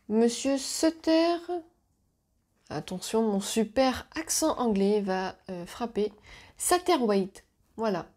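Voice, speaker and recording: Woman book vlogger, relaxed and warm tone, rambling casual review with fillers. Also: a little high. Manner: chatty, hesitant with frequent fillers. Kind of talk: casual monthly reading review.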